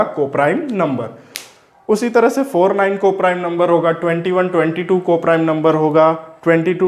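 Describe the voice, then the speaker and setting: Male math teacher, slightly high voice, patient repeated questions, roomy sound. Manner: slow, repetitive, keeps asking and answering his own questions. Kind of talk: explaining a classroom lesson. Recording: echoey room.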